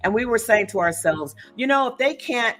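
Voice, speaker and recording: A woman's slightly high, fairly bright, expressive voice moves at a normal speed over soft background music. She hosts a talk show as a podcast host and author, keeping the discussion casual and emphatic, telling stories and adding frequent asides.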